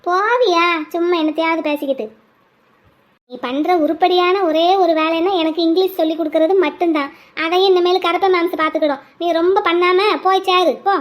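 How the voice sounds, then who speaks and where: A woman's voice: very high voice, steady tone, fairly quick. A woman voicing a small, cheeky and affectionate girl in a cartoon. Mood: teasing. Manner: chirpy, teasing, pleading.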